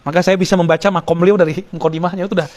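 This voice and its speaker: A man's voice: high voice, steady tone, very fast, a little mellow. A man giving a Sufi study lecture, talking casually, quoting Arabic verses and joking with his listeners. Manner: conversational, jokes with the audience, quotes Arabic verses. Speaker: Islamic preacher.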